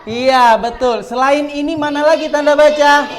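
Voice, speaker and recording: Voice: high-pitched, fairly even intonation, moderate pace, slight background noise. A teacher giving a classroom lesson to children, often stopping to quiz the pupils and adding a questioning "ya". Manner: quizzes pupils often, with frequent tag "ya".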